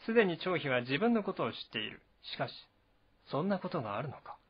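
A man reading a historical novel aloud at first sight, at a steady, even pace, with the odd slip and restart. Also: a little high, quick pace, husky, dull audio.

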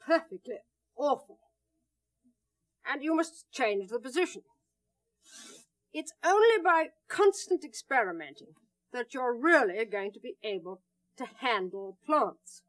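An older woman hosting a television gardening demonstration, talking in a brisk, wry, emphatic way, recorded on an indoor studio set from an old 1960s television tape. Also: fairly high pitch, animated, fairly bright tone. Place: indoor studio set among potted plants.

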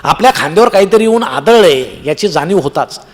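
On stage in a large hall, a man from Maharashtra, India, with a Marathi accent, tells a comic story in a brisk, fairly high voice. He is an animated, humorous storyteller who acts out the voices of the characters in his tale.

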